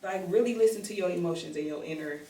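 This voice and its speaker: A woman's voice: on the low side, quick pace, warm tone, a little hiss or hum. A woman as a podcast guest, speaking candidly and emphatically in slangy casual talk. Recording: echoey room, distant mic.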